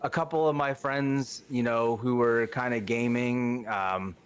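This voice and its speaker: A man's voice: mid-range voice, steady tone, a little slow, smooth. Outgoing man in his thirties. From Canada. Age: 30s. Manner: outgoing, rambling, lots of fillers. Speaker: podcast guest. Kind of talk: casual chat.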